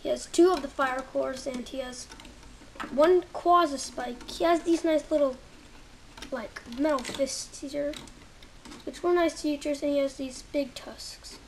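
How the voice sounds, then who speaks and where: A woman reviews toys at home in a high-pitched voice with fairly even intonation, stopping to search for words and sometimes slipping into a near whisper as she handles pieces. Her handheld camera, held close, picks up a little hiss or hum.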